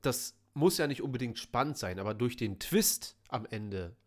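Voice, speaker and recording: A man's voice: mid-range voice, expressive, moderate pace. A man co-hosting a film podcast, chatting casually with dry, teasing remarks. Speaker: podcast co-host. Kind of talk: casual chat.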